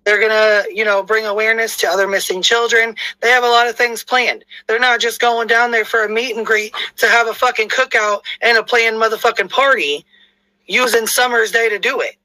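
Male streamer, high and very bright, dry close sound, profane animated rant, a touch sick-voiced. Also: a little fast, no echo, poor audio. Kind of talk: casual livestream chat.

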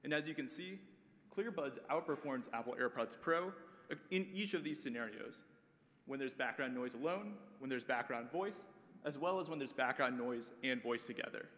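A man's voice: medium pitch, lively intonation, normal speed, fairly bright tone. Man walking through charts in an echoing hall. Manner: explains figures step by step, light filler words. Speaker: conference presenter. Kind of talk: prepared research talk.

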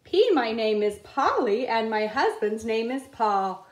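A woman reading a children's picture book aloud at a table, in a slow, careful read-aloud cadence. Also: fairly high pitch, big pitch swings, reverberant. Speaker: reader. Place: indoors at a wooden table.

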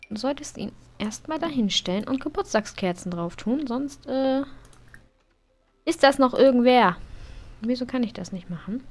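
A woman's voice: on the high side, a little mellow. A woman streaming a life-simulation game, chatting casually, laughing and scolding her characters. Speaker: let's play streamer. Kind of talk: casual gameplay commentary.

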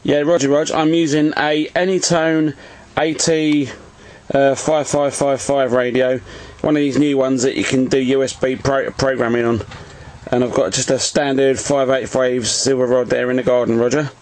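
Indoors at his home radio set, an Englishman makes casual CB contacts, peppering his talk with jargon and repeated "Roger"s while filming the exchanges. He speaks at a normal pace in a medium, level, slightly mellow voice. A phone beside the radio records faintly noisy video.

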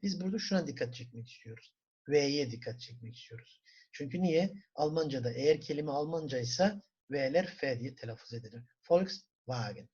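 A man with a Turkish accent teaching a German class, asking the students questions, answering them himself and repeating words slowly for pronunciation. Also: mid-range voice, expressive, darkish tone, breathy edge. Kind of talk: classroom lesson. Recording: dull lo-fi recording.

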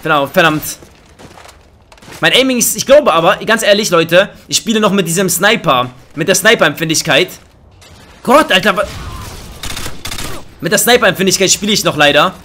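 A young man commentates a shooter game in an excitable, joking way. His voice sits high and sounds bright and forceful. Faint gunfire and game noise run underneath. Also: normal speed, pauses often. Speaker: gaming YouTuber. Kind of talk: let's play commentary. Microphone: headset mic.

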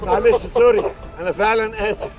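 Fast coaxing Egyptian man, high-pitched. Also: over loud music. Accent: Egyptian Arabic. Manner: coaxing, soothing, playful. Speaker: prank show host.

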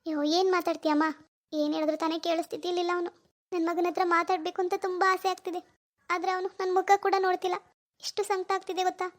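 A woman voicing a scheming, two-faced older mother-in-law in an animated family drama, sighing and wheedling, then sly and scornful. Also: high-pitched, quick pace, lightly acted. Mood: self-pitying.

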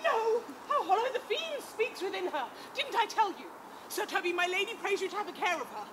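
A woman on an open-air stage playing a quick-witted, mischievous lady's maid who speaks in an excitable, exclamatory way. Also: very high voice. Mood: alarmed. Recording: outdoor recording with loud street noise.

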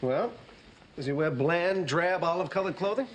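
An actor in his thirties playing an excitable, incredulous sitcom friend. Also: a little high, moderate pace, slight background noise, natural voice. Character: neurotic, scheming male friend. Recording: sitcom audio with audience laughter.

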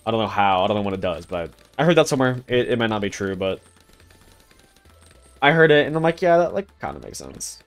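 A man's voice: fairly low pitch, big pitch swings, a little fast, clear, resonant tone. Rambling young male gaming streamer. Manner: rambling, filler-heavy, talking to chat. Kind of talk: casual live gameplay commentary.

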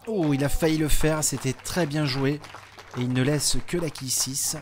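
A man's voice: a little high, fairly even intonation, moderate pace, darkish tone. Male sports commentator, conversational, explains every shot; light background noise. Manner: chatty, explanatory, with frequent hein and euh fillers. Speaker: bowling commentator.

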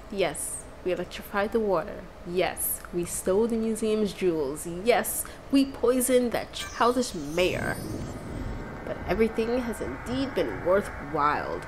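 A woman's voice: mid-range voice, background noise, natural voice. A woman voicing an arrogant villain, reading his lines in a haughty, mocking way. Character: gloating, arrogant male villain. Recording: game music underneath.

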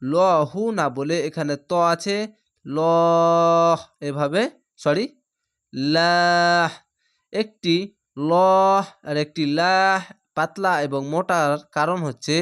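A man teaching Quran reading, spelling out each letter and vowel slowly and then blending them into words. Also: fairly high pitch, a bit bright, clean tone. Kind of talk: slow spelled-out recitation lesson.

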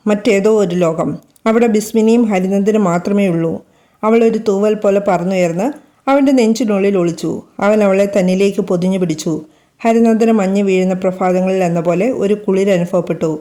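A woman narrating a romantic story in slow, lyrical storytelling. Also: mid-range voice, mellow.

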